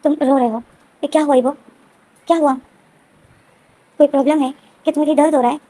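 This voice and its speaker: A woman's voice: sits high, steady tone, brisk, dark tone, natural voice. A woman voicing a fretful, caring young man. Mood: pleading. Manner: anxious, pleading, repeating himself.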